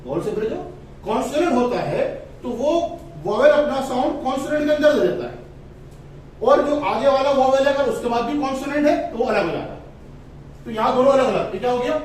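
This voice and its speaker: A man with a very high voice teaches a phonics lesson, drawing out each letter and vowel slowly. He sounds set back from the microphone in a strongly echoing room, with faint ambient noise behind him. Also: expressive, distant mic. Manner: slow, drawn-out spelling of letters and words, stressing vowel sounds.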